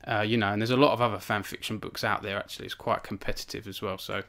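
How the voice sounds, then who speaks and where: This young man speaks fast in a lowish, gravelly voice with fairly even intonation and a sharp tone. He's an author running a laid-back book launch stream from his cabin, rambling with lots of fillers and poking fun at himself.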